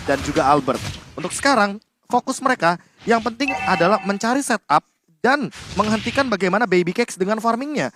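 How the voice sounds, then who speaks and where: A man with an Indonesian accent giving emphatic, explanatory esports analysis as a co-commentator. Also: high-pitched.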